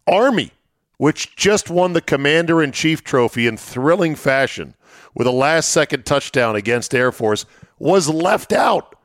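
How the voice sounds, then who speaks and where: A man's voice: on the high side, animated, measured pace, no echo, clean studio sound. A middle-aged man hosting casual sports talk, explaining things in short, listed phrases.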